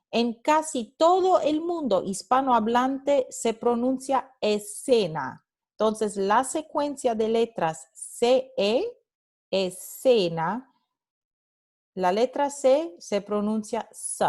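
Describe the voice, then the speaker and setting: A woman teacher giving a recorded phonetics lecture, speaking carefully and repeating example sounds. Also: medium pitch. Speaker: language teacher.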